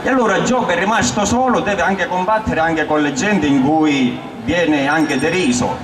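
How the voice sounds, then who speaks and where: A man's voice: a little high, normal speed, crowd noise. A man with a Sicilian accent gives a live recitation of dialect poetry in a declamatory, storytelling way. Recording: roomy echo, distant mic, clear background noise.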